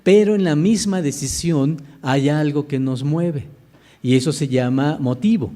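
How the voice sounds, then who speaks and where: Mellow-voiced man preaching a sermon. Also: fairly high pitch, measured pace. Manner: preaching with questions to the congregation. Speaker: minister. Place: church.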